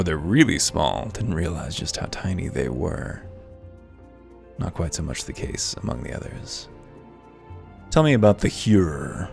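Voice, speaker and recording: Hosting a video game playthrough, this man offers articulate, wry, musing remarks, alternating between offhand comments and passages read aloud. His voice is low with vocal fry and a darkish tone, and music plays behind him.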